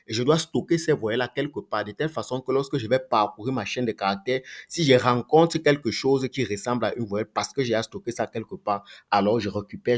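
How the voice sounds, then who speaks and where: A man teaching a coding tutorial, thinking aloud, asking himself rhetorical questions and repeating phrases as he goes. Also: mid-range voice. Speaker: programming tutor. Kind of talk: screen-recorded coding tutorial.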